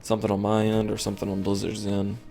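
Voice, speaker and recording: A man's voice: lowish voice, monotone, fast talker, vocal fry, warm tone, soft background music. A tired man streaming a game, rambling and thinking aloud with lots of fillers as he comments casually.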